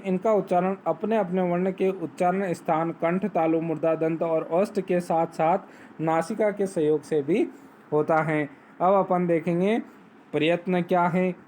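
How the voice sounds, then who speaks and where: Male teacher with a high, unhurried voice who poses questions and answers them himself; faint background noise. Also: a little mellow. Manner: explains step by step, asks and answers own questions; recites Sanskrit sutras slowly. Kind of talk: Hindi grammar lesson on phonetics.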